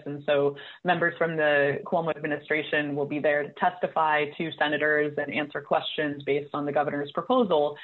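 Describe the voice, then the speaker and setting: Woman advocate on a tinny call line. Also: low voice. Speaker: cannabis policy advocate. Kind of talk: panel discussion on a video call. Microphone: video call. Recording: tinny phone-like audio.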